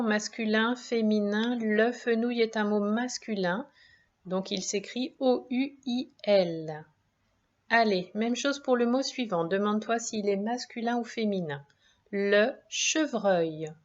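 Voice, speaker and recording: Breaking each word into syllables, a teacher gives young children a spelling dictation, patient and encouraging throughout. She speaks a little slowly in a fairly high voice, captured on a dull, lo-fi recording.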